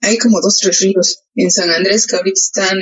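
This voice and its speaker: A woman's voice: mid-range voice, fairly even intonation, fairly quick, husky. A young adult woman from southern Veracruz in Mexico, a photographer, chatting as an interview guest with a Veracruz accent, laughing often and using many fillers. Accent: Mexican Spanish (southern Veracruz). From Los Tuxtlas, Veracruz, Mexico. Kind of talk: casual interview chat. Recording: muffled lo-fi podcast audio.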